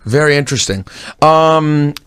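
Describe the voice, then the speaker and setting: A man's voice: fairly high pitch, expressive, a little slow, fairly bright tone, clean tone, no room sound, studio quality. A man hosting a radio interview, asking teasing, joking questions. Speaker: radio host. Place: radio studio.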